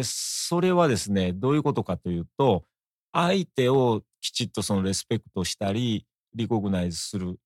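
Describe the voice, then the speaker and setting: A middle-aged man speaks with an Osaka accent, in a somewhat low voice, measured and reflective, now and then lifting his pitch for emphasis. The recording is dry and close, with no room sound. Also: no echo. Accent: Osaka Japanese. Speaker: guest. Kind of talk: conversational interview.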